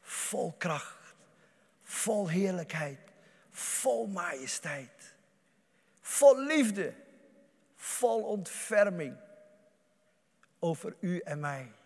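A male preacher delivering an impassioned sermon, swinging between loud outbursts and hushed murmurs. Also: a little high, long reverb tail.

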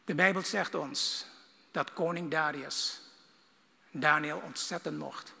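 Fervent preacher with a gravelly voice. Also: male voice, on the high side, slow, in a large hall. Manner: fervent, swinging from loud bursts to hushed lines. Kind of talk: sermon.

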